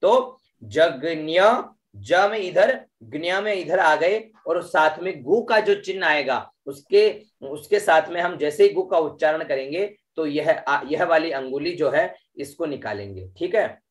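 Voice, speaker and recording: With a somewhat high voice and lively intonation, a man runs an online class on reciting Vedic mantras. After explaining each syllable, he chants the verse in long, drawn-out tones, regularly checking in with students and tagging sentences with "है ना" and "ठीक है".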